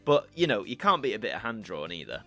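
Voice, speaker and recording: Over faint background music, a young man from Yorkshire, England, hosts a casual YouTube Q&A, answering viewers and thinking aloud. His accent is a mix of northern English, mostly Yorkshire. His voice is fairly low and fairly bright, with big pitch swings and a fast delivery.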